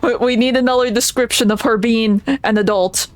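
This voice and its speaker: A woman's voice: fairly high pitch, fairly even intonation, moderate pace, soft background music. A woman streamer reading game text aloud on stream, casual and giggly, tripping over words now and then.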